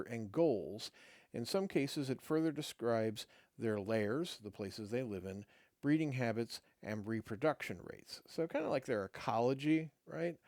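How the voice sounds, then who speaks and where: A middle-aged host reads a game rulebook on his own show, breaking off into casual asides and halting with many fillers and restarts between passages. His medium-pitched, darkish voice is going dry and fading as he loses it. The recording has no room sound.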